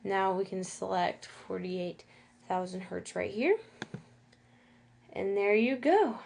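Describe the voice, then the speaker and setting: A woman presents a casual step-by-step software tutorial in a mid-pitched voice. She has a lisp that makes her s sounds whistle. Her delivery is halting and a little self-conscious, with small check-ins between steps. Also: gravelly.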